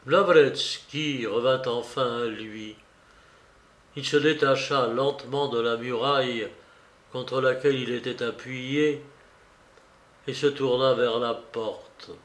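A man narrating a classic novel as an audiobook in a measured, unhurried way. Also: mid-range voice, steady tone, a bit bright. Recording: roomy echo.

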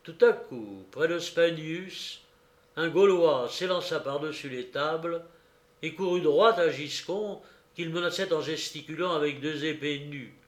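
A man reading a classic novel aloud in a slow, measured narration, lifting his voice for quoted shouts. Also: on the high side, reverberant. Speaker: audiobook reader. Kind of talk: literary narration.

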